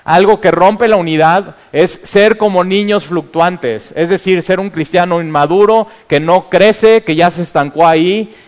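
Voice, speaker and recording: A man preaching a sermon as pastor, urging and animated, with exclamations when he tells stories. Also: sits high, unhurried, few pauses, big-room sound.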